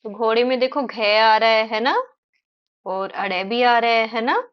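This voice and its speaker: A woman teacher explaining word sounds to young children, repeating each word slowly and checking in with them often. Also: fairly high pitch, lo-fi sound. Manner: slow, stretched-out repetition of words; frequent tag questions to children. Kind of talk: children's phonics lesson.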